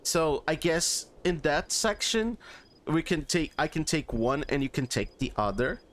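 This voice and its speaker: A man's voice: a little high, a little slow, fairly bright tone. A man streaming, chatting casually in a rambling, stammering, upbeat way. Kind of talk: casual chat.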